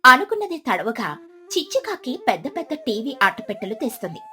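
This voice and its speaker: A woman narrates a scripted children's story in an expressive storytelling style. Her voice is on the high side and a little fast.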